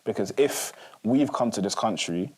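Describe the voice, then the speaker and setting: A man's voice: fairly low pitch, expressive, normal speed, slightly rough. A man in his twenties, co-hosting a casual discussion and thinking aloud in a reflective, rambling way. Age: 20s. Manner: reflective, rambling with many fillers. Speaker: podcast co-host.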